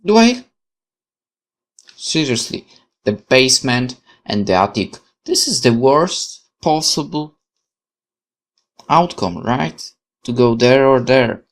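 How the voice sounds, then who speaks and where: Reading a visual novel's text out loud for a let's play, this YouTuber is medium-pitched and slow, leaving long pauses. He's expressive and very lively in intonation, often interrupting himself to react to and question the plot.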